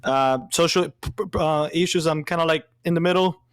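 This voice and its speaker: Smooth-voiced man from Cuba. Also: a little high, fairly even intonation, brisk, no echo. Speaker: panel guest.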